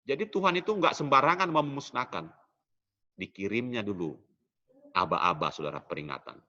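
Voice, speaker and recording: Animated male preacher, lo-fi recording. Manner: animated preaching, often drops low on "Saudara". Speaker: pastor. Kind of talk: sermon. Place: church.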